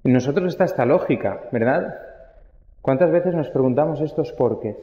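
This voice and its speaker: A man's voice: medium pitch, animated, moderate pace, reverberant, big-room sound, lo-fi sound. A young adult man, a priest, giving a homily in a conversational way and putting questions to his listeners. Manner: conversational, asks the congregation questions.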